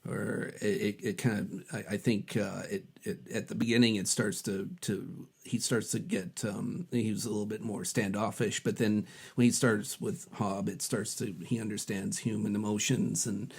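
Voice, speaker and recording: A man appearing as a podcast guest, speaking hesitantly with many fillers and pauses. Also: fairly low pitch, flat delivery, creaky, husky. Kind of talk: casual chat.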